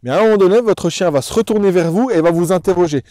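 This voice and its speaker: Guy dog trainer doing a how-to, kinda high voice, dry sound, explains stuff straight to the viewer. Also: fast talker, warm tone, no room sound. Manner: didactic, addresses the viewer directly. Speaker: dog trainer presenting a tutorial. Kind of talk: instructional explanation to camera.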